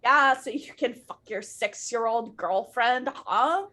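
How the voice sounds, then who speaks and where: A woman's voice: a little high, slow, pushed and bright. A woman voicing an angry, sarcastic teenage goth girl in an exaggerated, indignant comedic dramatic reading.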